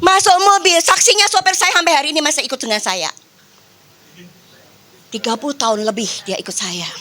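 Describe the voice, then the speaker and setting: An older woman pastor preaching a sermon in church, telling a personal testimony with emotional swings between loud and hushed, mixing formal preaching with casual slang. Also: high voice, a little fast, a little hiss or hum. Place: church service.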